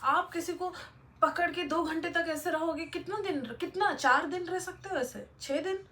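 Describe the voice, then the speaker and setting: A woman's voice: very high-pitched, normal speed, bright, forceful tone, a little hiss or hum. A young woman vlogger giving blunt, lecturing motivational advice, talking straight to her viewers. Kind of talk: motivational casual talk to camera.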